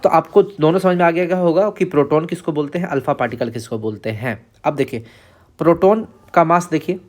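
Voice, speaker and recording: A man's voice: a little high, brisk, darkish tone. A man teaching an exam-prep chemistry lesson, explaining step by step, repeating key numbers and asking and answering his own questions.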